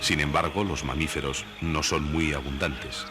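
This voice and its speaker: A man reading scripted nature documentary narration in a measured, didactic way. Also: a bass voice, steady tone, background noise. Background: background music.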